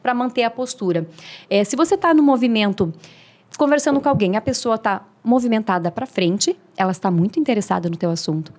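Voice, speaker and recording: A female speaking mentor, guesting on a podcast, offers friendly, didactic advice with demonstrations. She speaks briskly in a fairly high, expressive voice that is a little mellow.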